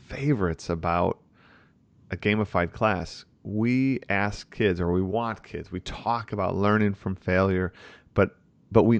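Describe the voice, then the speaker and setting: A male host with a very deep, gravelly voice speaks reflectively and enthusiastically, thinking aloud as he goes. The recording is close and dry, with no room sound. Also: no room sound, muffled recording. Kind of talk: conversational commentary.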